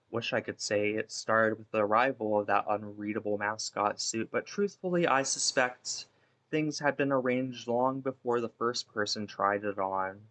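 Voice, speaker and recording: A man playing a guilt-ridden, imprisoned female ex-baseball pitcher in a wistful, theatrical dramatic monologue that rambles and interrupts itself. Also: fairly bright tone, natural voice. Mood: grim, confessional.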